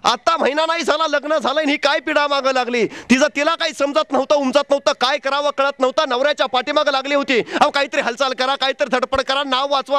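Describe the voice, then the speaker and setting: A man's voice: high voice, a bit bright, smooth, no room sound. A man giving a fervent motivational speech, telling stories and asking rhetorical questions. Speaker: motivational speaker.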